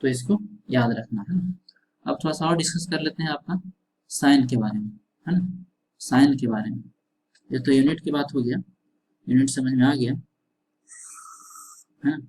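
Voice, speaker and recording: A man's voice: medium pitch, moderate pace, long pauses, a little mellow, a little hiss or hum, poor audio. Man lecturing, questions and answers himself. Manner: repeats questions and answers, frequent tag "है ना". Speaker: engineering teacher. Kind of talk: classroom lecture.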